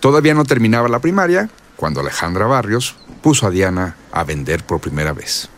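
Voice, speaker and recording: A man's voice: lowish voice, very animated, fairly quick. A man narrating a documentary in a scripted voice-over.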